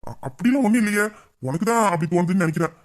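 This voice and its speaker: A man's voice: sits high, lively intonation, racing. A man playing a flirtatious male boss who teases a staff member in a Tamil audio drama. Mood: teasing. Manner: teasing, playful and bossy. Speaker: boss voicing a romantic male lead.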